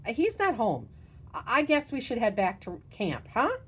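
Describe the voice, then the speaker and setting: A woman voicing a nervous young boy at summer camp who stammers in a high, jumpy voice. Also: huge pitch swings, unhurried, slightly rough, exaggerated voice.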